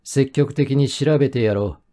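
A male audiobook narrator tells a first-person mystery in a steady, measured way. His voice is warm and dark, sitting at an ordinary middle pitch. The reading is calm and even, made for listening at night.

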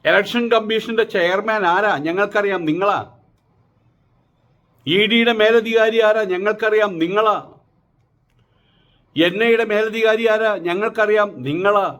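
High-voiced man, mocking political monologue. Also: steady tone, measured pace, long pauses, a bit bright, muffled recording. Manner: mocking, rhetorical, repeats his taunting questions. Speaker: political commentator.

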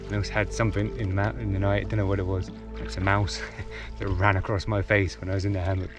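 A man's voice: deep voice, fast, over music. A man in his forties, vlogging casually and reflectively from a canoe on a lake, chuckling now and then. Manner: relaxed, reflective, chuckles often. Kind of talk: casual outdoor vlog narration. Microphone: action camera on the boat.

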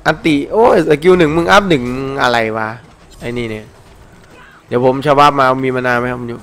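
A man giving excited, casual commentary over his own gameplay, exclaiming often and swearing when the action heats up. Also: mid-range voice, brisk.

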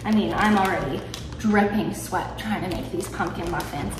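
A young lifestyle vlogger in her twenties chats and pokes fun at herself while baking in her home kitchen, her voice on the low side at normal speed. A camera on the counter a few feet away picks up roomy kitchen sound. Background music plays, and background noise is heavy.

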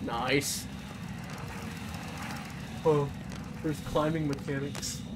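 A man giving let's-play commentary in excitable, jokey running reactions as he plays. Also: a little high, very slow, background noise. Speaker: gaming video creator. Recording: game music playing underneath.

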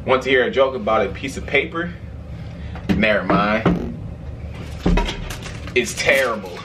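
A man's voice: mid-range voice, expressive, measured pace, heavy background noise. A young man chatting casually and telling joking stories in a slangy, rambling, giggly way, recorded in a home room. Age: young adult. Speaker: challenge video host. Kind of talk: casual joking chat and storytelling. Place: small bedroom, indoors.

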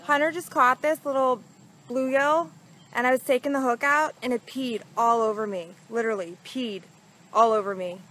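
A woman vlogging outdoors by freshwater, excitable and whooping, swearing casually as she talks about her catches. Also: a little high, moderate pace. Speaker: fishing vlogger. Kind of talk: casual outdoor vlog commentary.

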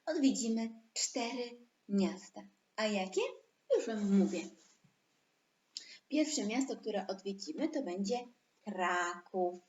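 In a muffled, echoey recording, a preschool teacher with a medium-pitched, darkish voice and lively intonation teaches children online. She draws out syllables slowly for the kids to repeat.

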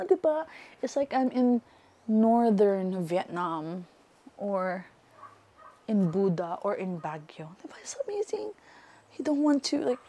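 Filipino woman in her 30s, casual travel vlogger, chatty and animated, lapel mic in an airy farmhouse room. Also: mid-range voice. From Philippines. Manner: chatty, mixes English and Tagalog phrases, animated hand gestures. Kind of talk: casual travel vlog to camera. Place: open-walled farmhouse room with mountain view. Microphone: small clip-on mic.

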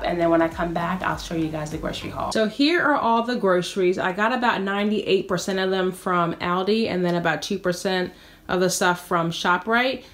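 A vlogger in her thirties chats casually in her home kitchen, her mid-range voice a bit bright as she upbeatly walks through her meal plan and lists groceries one by one. The camera sits in front of her in a medium framing.

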